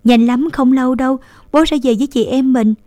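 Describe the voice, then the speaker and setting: A woman voicing a caring eldest sister in a story who soothes and gives brisk orders. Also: high-pitched, steady tone, warm tone, no room sound, voice pushed up, lightly acted. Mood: comforting. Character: caring eldest sister, gentle but firm.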